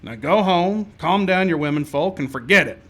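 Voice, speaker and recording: A man plays a frontier marshal in an old-style radio western. His voice sits a little high, and he talks in a stern, no-nonsense, clipped way with weary authority. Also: animated, normal speed, a bit bright. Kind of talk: 1950s-style radio western acting and narration.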